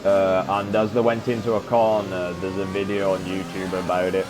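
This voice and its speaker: Low-voiced man rambling over steady noise. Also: moderate pace. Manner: rambling, full of filler sounds. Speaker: gaming streamer. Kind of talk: casual chat while playing a racing game.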